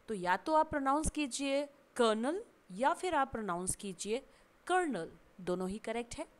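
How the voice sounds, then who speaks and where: Slow, lively woman teaching English words. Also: medium pitch. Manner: slow, drawn-out spelling and sentence examples; mixes Hindi with English terms. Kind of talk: vocabulary lesson.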